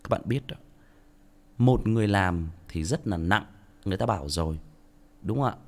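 A man's voice: lowish voice, lively intonation, moderate pace. A man with a Northern Vietnamese accent, an audiobook narrator talking bluntly and self-mockingly to his listeners in a casual monologue.

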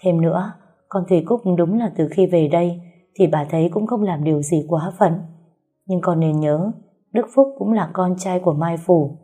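A firm, caring old grandmother in an audiobook, steady and admonishing, as a woman narrator puts her on. The voice sits low and husky, with a mellow, soft tone.

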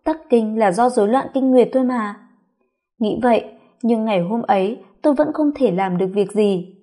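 A woman's voice: on the high side, normal speed, dark tone. A woman narrating a first-person audio story in a confiding, reflective way.

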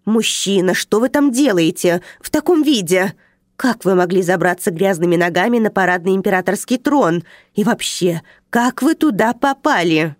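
A woman's voice: mid-range voice, animated, normal speed, few pauses, a little mellow, no room sound, studio quality. A woman voicing a stern, indignant female museum attendant who scolds in a raised voice.

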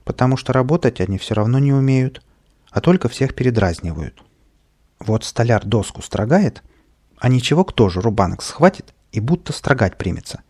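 A man narrating a children's audiobook in an expressive storytelling manner. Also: medium pitch, moderate pace.

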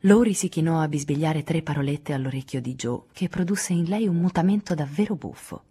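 A woman reading a novel aloud as an audiobook narrator, in a calm, measured storytelling manner. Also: low voice, slightly rough. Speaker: audiobook reader. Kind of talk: scripted narration.

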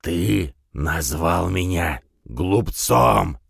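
A man voicing a hot-tempered lizard-mutant count who hisses his words slowly and angrily in an audiobook. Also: low-pitched, lively intonation, gravelly, husky, no room sound, studio quality, heavily acted. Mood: angry. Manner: slow, hissing, angry.

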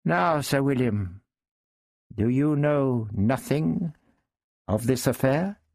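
A man playing a shrewd, measured sultan. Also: mid-range voice, lively intonation, a little mellow, no room sound, studio quality, voice pushed up. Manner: measured, deliberate, authoritative.

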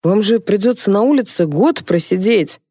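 A dim, plodding construction foreman who works things out aloud, as a woman reading aloud puts him on. The tone is dark and mellow, with a dry, close sound. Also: medium pitch, animated, moderate pace, dry recording, natural voice. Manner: plodding, simple-minded. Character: slow-witted male construction foreman.

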